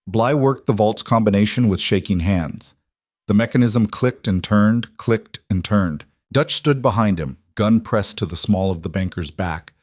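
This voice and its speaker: A man with a low voice tells a scripted Western story in a steady, measured way. His voice sounds close and dry, with no room echo around it. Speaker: narrator.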